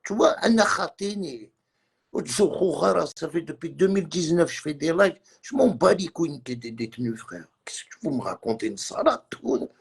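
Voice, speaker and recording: A man's voice: fairly high pitch, very animated, moderate pace, vocal fry, husky. A man on a live stream, ranting in a heated, repetitive way and mixing in words from other languages. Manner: agitated, repetitive, mixes French with Arabic and Kabyle. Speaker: livestreamer.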